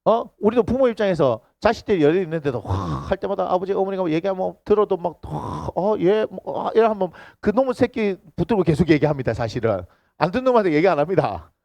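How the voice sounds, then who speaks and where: A middle-aged male pastor with a Gyeongsang Korean accent, preaching a lively sermon in a church. He acts out quoted voices and keeps asking the congregation questions. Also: sits high, quick pace, gravelly, dry recording. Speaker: senior pastor. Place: church sanctuary.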